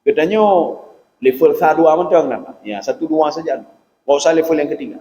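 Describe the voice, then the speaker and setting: A man preaching a sermon, animated and often turning to his listeners with "Pak". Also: on the high side, brisk. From Aceh, Indonesia. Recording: echoey hall with long reverb.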